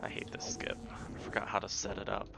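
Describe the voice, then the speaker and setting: A speedrunner streamer whispers in a lowish, monotone voice with vocal fry, talking fast. He offers casual live commentary while speedrunning a video game, frequently muttering asides to himself, as loud game music plays behind him.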